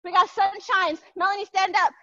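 Young lady aerobics instructor, super high voice, counting reps and hyping everyone up, kinda lo-fi stream audio. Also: moderate pace, dry recording. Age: young adult. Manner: energetic, motivating, counting out reps. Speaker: fitness instructor leading a live stream workout. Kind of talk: aerobics instructor calling cues and encouragement. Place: large gym, indoors. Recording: dull, lo-fi livestream audio.

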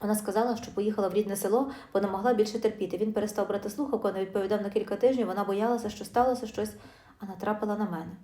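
Woman, middle-aged, first-person life story, fast and confiding, mellow, roomy echo. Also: medium pitch, steady tone. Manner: brisk, emotional, confiding.

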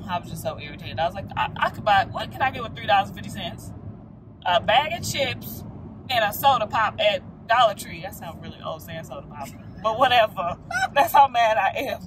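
In a quick, expressive mid-range voice, this American vlogger in her late twenties talks informally to her audience over some background noise. She starts out in a small furnished room and later films from a parked car.

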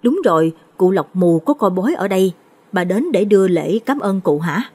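Chatty young tea stall girl done by a woman, gossipy and eager, bit breathy. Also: medium pitch, animated, moderate pace. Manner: eager, gossipy, hushed when confiding.

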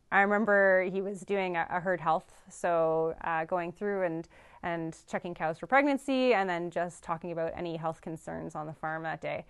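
A young Canadian woman, a farm veterinarian, sits in a studio with a dark backdrop and answers interview questions thoughtfully, often saying um and restarting. Her voice is lowish with a clean tone.

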